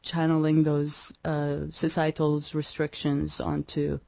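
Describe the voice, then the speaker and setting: A young woman from Iraq, a musician guest in an interview, speaking hesitantly with many pauses and restarts. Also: low-pitched, completely flat delivery, creaky, warm tone, no echo. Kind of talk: radio interview.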